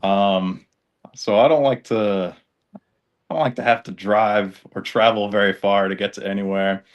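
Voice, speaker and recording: Low-voiced easygoing man, self-deprecating. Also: steady tone, a little slow, highs cut off. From US West Coast. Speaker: podcast guest, street fighter. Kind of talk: casual interview answers.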